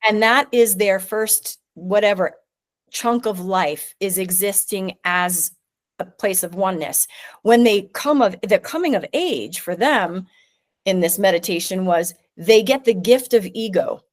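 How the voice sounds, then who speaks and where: A middle-aged woman chatting as a guest on a talk podcast, animated and expressive. She slips into playful voices now and then and swears casually. Her pitch sits in an ordinary middle range. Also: unhurried. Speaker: guest, neurosculpting teacher. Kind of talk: casual conversation.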